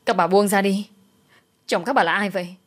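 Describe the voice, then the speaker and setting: A woman's voice: mid-range voice, moderate pace, lightly acted. A woman voicing a young mother protesting a false accusation. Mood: desperate. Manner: protesting firmly. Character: young mother defending herself.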